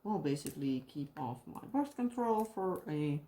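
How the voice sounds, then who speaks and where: This young Dutch craft vlogger from the Netherlands chats casually while crafting, rambling, laughing, and often hunting for English words. Her low voice is expressive and mellow, moving at normal speed.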